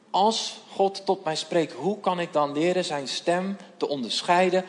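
A man preaching a sermon in an earnest, measured way and reading Bible passages aloud. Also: on the high side, big-room sound.

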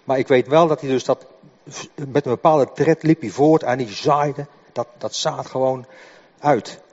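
An older man giving a sermon in a halting way, often repeating words as he explains. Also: medium pitch, darkish tone. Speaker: preacher. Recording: dull echoing hall recording.

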